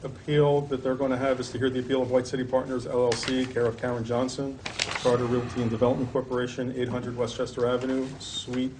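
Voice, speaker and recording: A man chairing a town board hearing, reading legal notices aloud in a steady, procedural way, recorded in a public hearing room. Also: medium pitch, fast talker, background noise. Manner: steady, procedural, monotone delivery.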